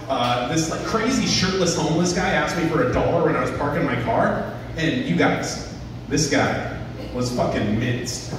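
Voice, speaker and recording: A man in his thirties doing an open-mic stand-up set into a handheld mic, rambling with lots of fillers and self-deprecation. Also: a little high. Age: 30s. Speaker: stand-up comedian. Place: small venue with a stage and audience. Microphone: handheld mic, filmed from a far camera. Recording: echoey room from a far camera.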